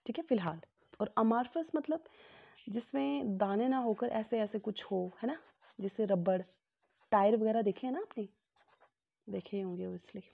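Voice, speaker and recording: A woman teaching a chemistry lesson, explaining step by step with homely examples, mixing in English terms and often checking that students follow. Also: mid-range voice. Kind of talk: classroom lecture. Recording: tinny phone-like audio.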